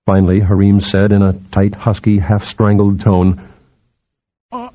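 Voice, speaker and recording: A man reading a novel aloud in a measured, storytelling way. His low voice is dark and a little husky, with lively pitch movement. The recording is dull and muffled. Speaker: audiobook narrator. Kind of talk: scripted narration.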